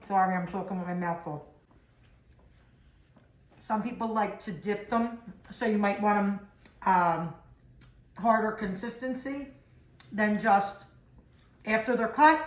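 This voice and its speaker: A woman's voice: medium pitch, a little slow, pauses often, echoey room. A woman casually showing a cookie recipe in her home kitchen, chatting and explaining each step as she goes. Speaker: home cook demonstrating recipes.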